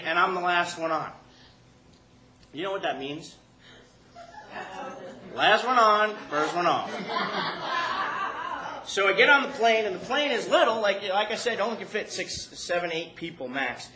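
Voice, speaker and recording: A man's voice: high-pitched, reverberant, poor audio. A man telling a comic story to a live audience, profane and self-mocking, often laughing while he talks.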